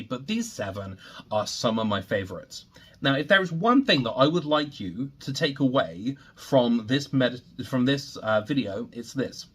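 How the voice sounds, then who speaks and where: Guy teaching meditation in a video, kinda husky voice, earnest coach type, leans on key phrases and asks questions. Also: mid-range voice, fairly bright tone. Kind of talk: explanatory talk to viewers on meditation techniques.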